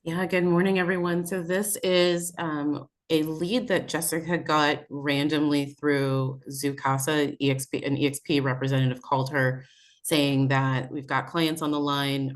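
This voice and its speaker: A woman real estate agent on a video call, calmly walking through how a deal came together. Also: sits low.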